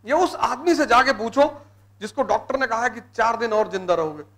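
A high-pitched man with a North Indian Hindi accent lectures students preparing for civil services exams in an emphatic motivational style. He hammers home single words by repeating them, and his voice rings bright and forceful through the classroom. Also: lively intonation, normal speed. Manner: emphatic, repeats key words, mixes in English terms. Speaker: civil services exam teacher. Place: live classroom session.

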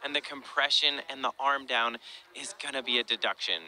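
A man's voice: medium pitch, fairly even intonation, a little fast, bright, forceful tone, low-quality recording. A man giving live sports color commentary as an expert analyst, breaking down technique with enthusiasm.

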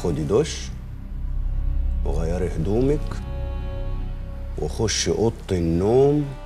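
A bossy mocking husband. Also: male voice, sits low, very animated, a little slow, warm tone, faint music behind. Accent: Egyptian Arabic. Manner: mocking, commanding.

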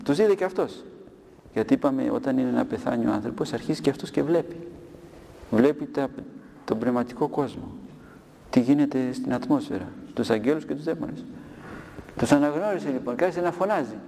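A man's voice: medium pitch, vocal fry, mellow. A monk priest giving a sermon to children, telling a story and often asking his listeners questions. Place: monastery hall. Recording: long hall reverb with faint ambient noise.

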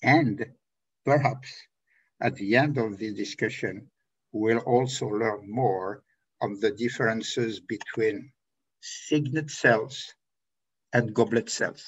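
Brief: husky man moderator, slow deliberate introduction, lo-fi call audio. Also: lowish voice. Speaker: session moderator. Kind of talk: formal introduction. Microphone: video call. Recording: dull lo-fi video call audio.

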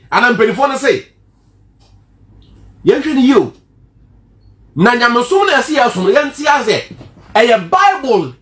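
A man with a Ghanaian accent preaching a sermon, lively and full of rhetorical questions, mixing two languages. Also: extremely high pitch, roomy sound. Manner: animated preaching, switching between Twi and English, rhetorical questions.

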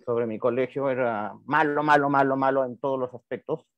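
With a crowd audible behind him, a psychotherapist guest speaks briskly in a mid-range voice with fairly even intonation. He responds to interview questions in a candid, thoughtful way and repeats words to stress them, captured in a dry, dull lo-fi recording.

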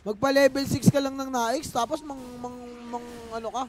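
A young man with a Filipino accent giving excited, joking live game commentary, mixing in English phrases. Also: very high voice, moderate pace, noisy background. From Philippines. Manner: joking, playful, mixes English phrases, bursts into excited yells. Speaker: esports commentator.

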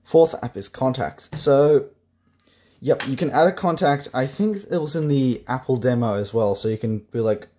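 A man's voice: mid-range voice, normal speed, dark tone, slight background noise. A young man casually reviewing an old device, with sarcastic jokes and offhand asides. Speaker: tech reviewer. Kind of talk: casual tech review vlog.

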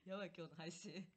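A young woman chatting casually through a live game stream, excitable and talkative, yelping and shouting at what happens on screen. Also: on the low side, breathy edge. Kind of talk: casual live gameplay commentary.

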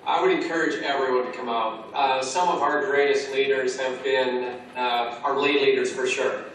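A man's voice: mid-range voice, fairly even intonation, moderate pace, a bit bright, a little hiss or hum. A man being interviewed over a call about a church course, talking earnestly and restarting his sentences often. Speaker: Alpha course trainer, interviewee. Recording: echoey distant call audio.

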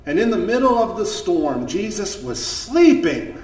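A man, a pastor, telling a story at a children's chapel service, lively in the tale and soft and gentle in the prayers. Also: high-pitched, measured pace. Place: church chapel. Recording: echoey room, voice from far off the mic.

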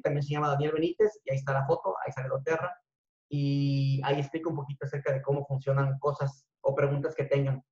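Man with a somewhat high voice giving an animated motivational talk to a room, recorded echoey and muffled. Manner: animated, shifts between loud and hushed. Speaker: speaker at a business talk. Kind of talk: motivational storytelling to an audience. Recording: echoey room, dull lo-fi sound.

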